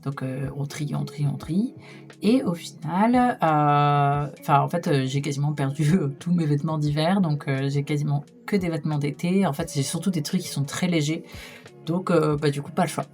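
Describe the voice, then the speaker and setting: Young woman, low voice, rambling casual storytime delivery with constant "euh" fillers, faint music underneath. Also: normal speed, darkish tone. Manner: chatty, lots of hesitation fillers, laughs while telling. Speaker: vlogger.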